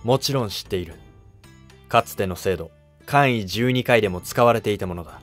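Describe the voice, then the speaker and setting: Man playing a low-voiced, dignified Emperor Saga. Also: brisk, faint music behind, natural voice. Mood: thoughtful. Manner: stately, commanding archaic speech. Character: earnest, dignified Japanese emperor seeking counsel. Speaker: voice actor. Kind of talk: Japanese historical drama dialogue.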